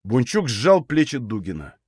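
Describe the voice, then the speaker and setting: Male audiobook narrator, expressive literary reading, lively varied pitch, dry close sound. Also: normal speed, husky, dry recording. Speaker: audiobook reader.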